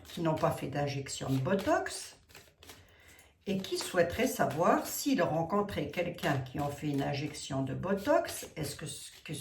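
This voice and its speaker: A woman's voice: fairly low pitch, darkish tone, far from the mic, slight background noise. A woman with a Lorraine accent, a tarot reader talking casually to her viewers in a chatty, teasing way that laughs at herself. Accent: Lorraine French. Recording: roomy sound from away from the mic.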